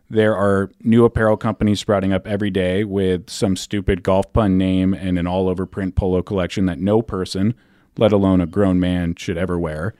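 A man co-hosting a golf podcast, delivering a wry, deadpan prepared monologue. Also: low-pitched, no echo, studio quality. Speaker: podcast co-host. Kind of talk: scripted monologue.

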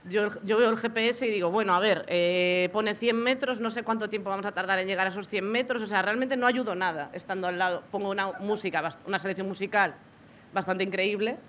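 A woman's voice: medium pitch, brisk, a bit bright, a little hiss or hum. A young woman in casual chat, rambling with many restarts and poking fun at herself.

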